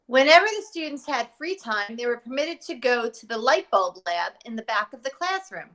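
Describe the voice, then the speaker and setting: A woman with a fairly high, very bright and forward voice reads a children's storybook aloud. She sounds like a teacher, expressive and speaking directly to her young listeners. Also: normal speed. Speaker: teacher reading aloud to pupils.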